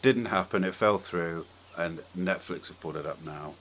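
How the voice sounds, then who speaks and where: Speaking at a moderate pace in a low-pitched, fairly bright voice, a man hosts a podcast, chatting informally and casually with firm opinions. Background noise can clearly be heard in the recording.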